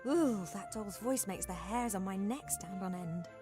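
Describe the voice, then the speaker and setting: A dry, self-possessed adventurer from a game, voiced by a woman. She muses wryly in a medium-pitched voice, measured and composed, over clearly audible music. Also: close to an everyday voice. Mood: reluctant musing. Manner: wry, measured, thinking aloud. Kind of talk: acted adventure game dialogue.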